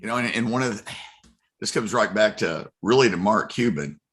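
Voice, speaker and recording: A man's voice: on the low side, animated, a little fast, a bit bright, soft background music. A man, a finance expert guest, explaining in a casual conversational way and acting out quotes. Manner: conversational, clears throat, acts out quotes. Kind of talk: casual interview chat.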